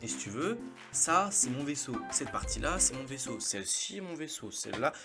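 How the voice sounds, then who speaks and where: A young man in the middle of his pitch range, recounting anecdotes to his viewers in loose street slang. He is chatty and easygoing and keeps breaking into laughter. Music plays clearly behind his voice. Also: sing-song, moderate pace. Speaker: YouTuber. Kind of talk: casual storytelling to camera.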